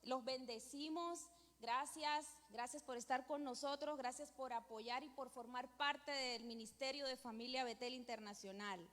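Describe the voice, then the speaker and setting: A middle-aged Venezuelan-accented woman pastor preaches and prays in a church hall, repeating devotional phrases with emphasis. Her high, steady voice is a bit bright and moves at a moderate pace. The hall's long reverb fills the recording.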